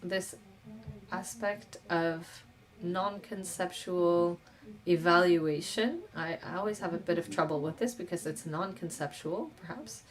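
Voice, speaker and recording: On a video call, a woman with a lowish voice interprets a question-and-answer session, speaking in a measured, halting manner with pauses. The audio quality is poor.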